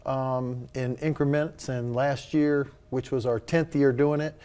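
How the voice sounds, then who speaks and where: Guy getting interviewed, casual and earnest, regular mid male pitch. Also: fairly even intonation, measured pace, dark tone, clean tone. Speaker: interview guest, charity leader.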